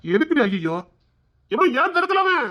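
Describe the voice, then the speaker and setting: A woman doing a deep, gruff husband. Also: sing-song, normal speed, bright, forceful tone, exaggerated voice. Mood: dismissive. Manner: dismissive, grumbling. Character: gruff middle-aged husband, dismissive.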